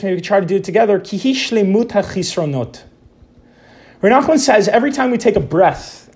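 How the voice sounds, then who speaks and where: A man with a notably high voice leads an informal spiritual lesson for a small group. He talks in a reflective, unhurried way, pausing to recite Hebrew quotations before explaining them. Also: darkish tone. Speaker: teacher leading a Torah study group.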